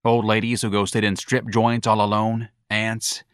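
A man voicing an irritable, bullying police sergeant who shouts at a subordinate, in a read-aloud story. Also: fairly low pitch, flat delivery, moderate pace, no echo, clean studio sound, lightly acted. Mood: gruff. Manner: gruff, shouting.

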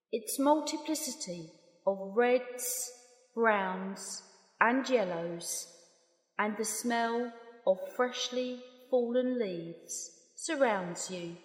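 A woman slowly leading a guided meditation in a calm, soft, unhurried voice with long pauses. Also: medium pitch. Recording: roomy long reverb.

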